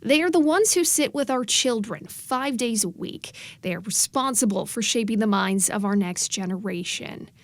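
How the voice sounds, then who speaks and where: A woman news reporter reads scripted narration with measured emphasis. Her voice sits a little high, and the recording is dry and close with no room sound. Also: animated, no echo.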